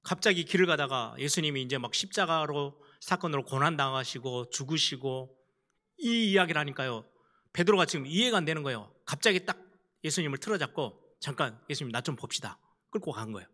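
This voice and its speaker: A male pastor preaching a sermon, emphatic and animated, acting out the people in his story. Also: fairly high pitch, brisk, long reverb tail. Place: church sanctuary.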